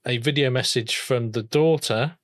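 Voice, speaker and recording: Give me a podcast co-host who tells a story slowly and easily, full of ums. The voice sits at a middle pitch. The sound is dry and close, with no room in it. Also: no echo. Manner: relaxed, drawn-out storytelling with fillers. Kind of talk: casual chat.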